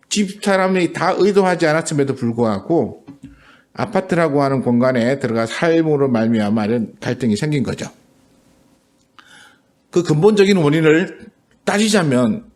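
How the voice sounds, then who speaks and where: A middle-aged man preaching a sermon as a pastor, in an easy conversational way with many pauses and filler sounds. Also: a little high, a little mellow.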